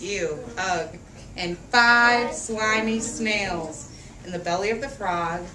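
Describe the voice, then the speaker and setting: Reading a storybook to young children, this medium-pitched woman teacher keeps an unhurried, rhythmic, expressive delivery, lingering on phrases and addressing the kids directly. The recording was made from a distant mic in an echoey room full of children, with a faint background noise.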